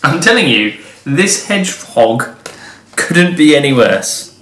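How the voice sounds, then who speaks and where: A man slowly and wryly plotting his moves aloud in a board game. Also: a little high, very animated, fairly bright tone. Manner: slow, wry, plotting aloud. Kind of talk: casual tabletop play chat. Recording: roomy room with faint noise.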